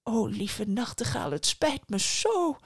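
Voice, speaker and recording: A woman's voice: fairly high pitch, big pitch swings, slow, slightly rough, no echo, clean studio sound, exaggerated voice. A woman playing a pleading, needy emperor. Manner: pleading and emotional. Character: doting, needy old emperor.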